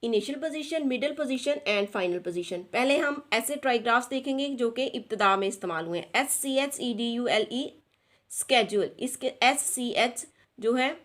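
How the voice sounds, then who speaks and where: Pakistani woman teacher, bright high voice, slow careful reading for young pupils. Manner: reads English slowly, then explains in Urdu; addresses children directly. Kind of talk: reading a schoolbook lesson aloud.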